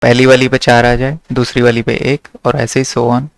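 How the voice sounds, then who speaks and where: A man's voice: mid-range voice, level tone, moderate pace, smooth, no echo. A young man from teaching maths to a class, checking often that his students follow. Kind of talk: classroom lecture.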